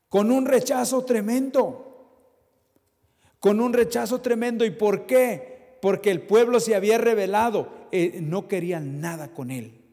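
A male preacher reading scripture and questioning the congregation, moving between loud emphasis and quiet asides. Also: high-pitched. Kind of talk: sermon with Bible reading. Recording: long hall reverb.

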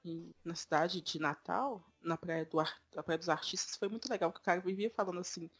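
A woman's voice: on the low side, a little fast, slightly rough. A young Brazilian woman in casual chat, telling a travel story and acting out the dialogue. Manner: storytelling, acts out quoted dialogue, laughs often.

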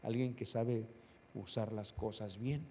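A man's voice: fairly low pitch, fairly even intonation, measured pace, breathy edge. Man preaching in a reverberant church. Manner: rhetorical questions to the congregation, swings loud and soft. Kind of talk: sermon. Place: church hall. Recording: long hall reverb.

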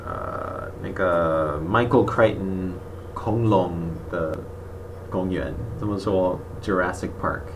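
A man's voice: deep voice, slow. A man who is a native English speaker, talking hesitantly in learner's Mandarin with a foreign accent in a casual language-exchange chat. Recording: distant microphone, clearly noisy background.

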